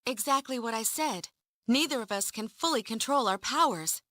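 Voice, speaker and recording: A composed young heroine with a slightly high, bright voice. She speaks seriously and matter-of-factly in a dry, close sound, as in a sci-fi game. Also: animated, moderate pace, dry recording. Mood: cool, serious. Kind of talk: dramatic video game voice acting.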